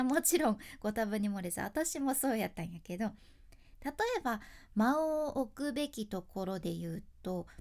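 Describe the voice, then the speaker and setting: A woman's voice: a little high, a little mellow. A young woman with a Fukuoka accent, a freelance announcer giving a casual speaking lesson in chatty explanations with dialect endings. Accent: Fukuoka Japanese.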